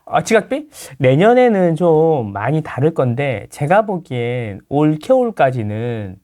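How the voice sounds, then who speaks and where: A man who is a real estate lecturer, talking as a guest in a casual interview, lecturing with playful impressions of others and quick tag questions. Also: on the high side, very animated, warm tone. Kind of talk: casual talk-show interview.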